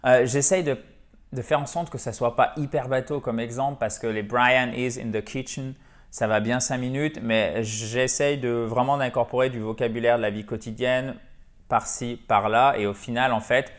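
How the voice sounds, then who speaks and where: This is a man with a French accent running an online English lesson. His voice sits at an ordinary middle pitch. He explains in a chatty, easygoing way and slows down to say his English examples clearly. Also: steady tone. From French-speaking. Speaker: English teacher.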